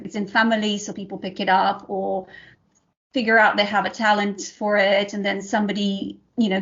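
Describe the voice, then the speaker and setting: A woman from Serbia, hosting an interview and asking long, winding, eager questions. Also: medium pitch. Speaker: podcast host. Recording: slightly dull audio.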